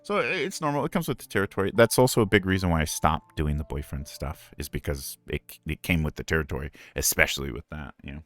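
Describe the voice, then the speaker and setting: Deep-voiced man chatting candidly on stream. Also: expressive, quick pace, hardly any pauses, fairly bright tone, faint music behind. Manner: candid, earnest, rambling with frequent asides. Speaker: streamer and ASMR voice actor. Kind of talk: casual live-stream Q&A.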